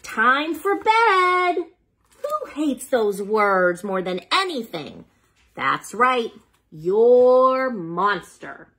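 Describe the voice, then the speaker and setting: A woman reads picture books to small children in a playful, dramatic style, stopping for chatty asides and questions to whoever is listening. Her voice is a little high, fairly bright, and very animated.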